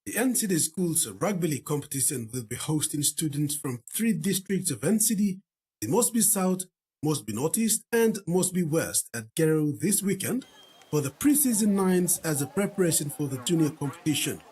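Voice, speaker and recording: A man reading the evening news in a measured, formal way. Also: a little high, big pitch swings, a little mellow, breathy edge. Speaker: news presenter.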